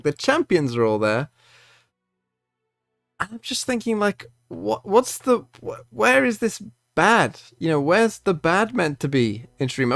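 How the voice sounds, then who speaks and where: A man delivering an unscripted commentary rant, exasperated and incredulous, moving between measured explanation and worked-up emphasis. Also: fairly high pitch, no echo, studio quality. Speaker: video creator ranting about card game balance.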